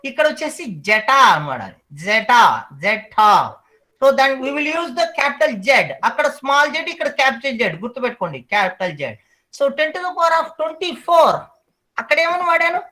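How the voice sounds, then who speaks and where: Male teacher, high voice, online class, repeats each term slowly for students. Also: very animated, bright, forceful tone, poor audio.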